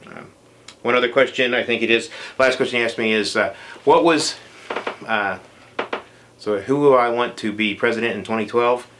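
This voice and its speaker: A man's voice: mid-range voice, moderate pace, long pauses, background noise. A man vlogging answers to viewer questions in a casual chat, rambling with many fillers and dry jokes.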